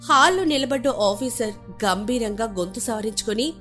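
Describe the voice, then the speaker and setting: A woman narrating an animated family story in a dramatic storytelling manner. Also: fairly high pitch, moderate pace, faint music behind.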